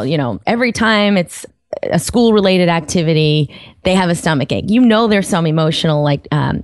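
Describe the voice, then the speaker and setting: A woman with a fairly low voice speaks as an osteopathic physician in an interview. Her explanations are earnest and animated, and the recording is close and dry, with no room sound. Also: no room sound.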